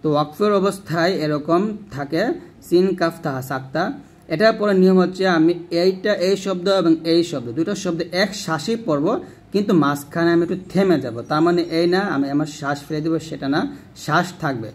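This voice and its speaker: Man slowly teaching Quran reading rules. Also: fairly high pitch. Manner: explains step by step, then recites the example words slowly and drawn out. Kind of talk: explaining Quran reading rules with recited examples.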